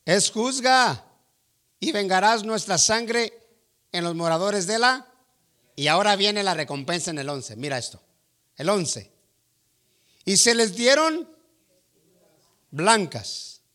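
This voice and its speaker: A man's voice: high-pitched, animated, takes it slowly, long pauses, sharp tone. A man preaching a sermon to a congregation, speaking emphatically, calling listeners brother and asking them rhetorical questions.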